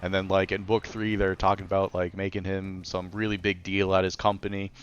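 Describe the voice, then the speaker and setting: A man's voice: sits low, flat delivery, brisk, lo-fi sound, slight background noise. A male streamer chatting casually on a live stream, rambling and saying "like" constantly. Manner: rambling, heavy use of "like".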